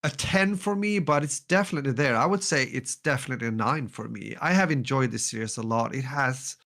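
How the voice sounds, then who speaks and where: A podcast co-host speaks in a brisk, mid-range, fairly bright voice. He's easygoing but hesitant, filling the casual conversation with lots of "uh"s and restarts.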